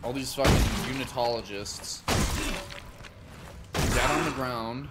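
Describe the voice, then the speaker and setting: A man's voice: mid-range voice, unhurried, heavy background noise. A man with a Minnesotan accent chatting casually and profanely while streaming a video game, often laughing and musing aloud. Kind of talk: casual live-stream chat while gaming.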